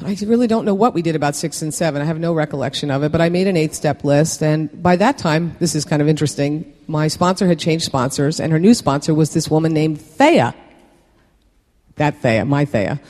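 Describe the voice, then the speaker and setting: A man sharing his own recovery story with a meeting. He talks candidly and mocks himself, stopping and restarting often, his voice sitting a little higher than most men's. The sound rings with the long reverb of a meeting hall. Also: darkish tone. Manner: candid, self-deprecating, halting with many fillers.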